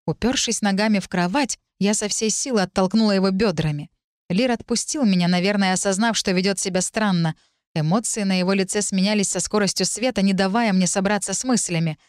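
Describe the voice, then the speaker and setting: Woman narrating an audiobook, steady even reading, dry close sound. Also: mid-range voice, fairly quick, no echo. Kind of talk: scripted first-person narration.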